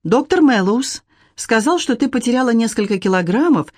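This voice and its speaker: A narrator voicing a gentle, nervous mother who tries to refuse her daughter firmly, in an audiobook. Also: mid-range voice, lively intonation, moderate pace, no echo, studio quality, pitched above the performer's own voice, natural voice. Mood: anxious. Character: anxious gentle mother, trying to stay firm.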